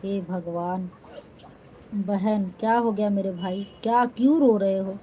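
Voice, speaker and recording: A woman's voice: medium pitch, slow, dark tone, a little hiss or hum, poor audio. A young woman hosting a casual live stream on her phone, reading comments aloud and teasing her viewers playfully. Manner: teasing, playful, laughing often.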